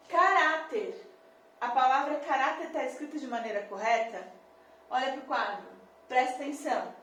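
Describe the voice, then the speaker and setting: A woman's voice: sits high, a little hiss or hum. A woman teacher explaining a lesson at a board, patiently stretching words out to stress their syllables. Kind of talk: classroom lesson at a whiteboard. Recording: echoey room from a distance.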